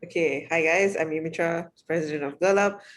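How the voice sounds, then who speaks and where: A woman's voice: low voice, a little fast, slight background noise. A woman in her twenties, a student club president, introducing herself hesitantly on a video call. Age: 20s.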